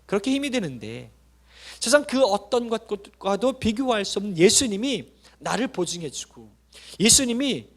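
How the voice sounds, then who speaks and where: A man's voice: high-pitched, fairly bright tone. A male pastor preaching a sermon with impassioned emphasis, addressing the congregation directly.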